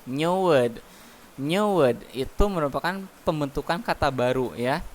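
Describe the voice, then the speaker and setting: A man's voice: a little high, lively intonation, measured pace. A man teaching an English class from home, explaining patiently with many fillers. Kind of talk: online English class, mixing Indonesian and English. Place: home, heavy rain outside. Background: rain noise.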